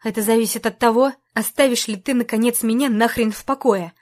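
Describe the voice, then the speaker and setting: Woman narrator playing enraged young woman, loud accusations, somewhat high voice. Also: fairly even intonation, a little fast, natural voice. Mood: furious. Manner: shouting angry accusations. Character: furious young woman confronting her ex.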